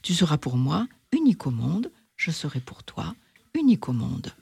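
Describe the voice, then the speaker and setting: A reader voicing a wise, weary fox who longs for a friend, gravelly and musing, sometimes whispering, reading aloud in two voices. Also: medium pitch, very animated, darkish tone, no room sound, full character voice. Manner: slow, musing, confiding, dropping to whispers.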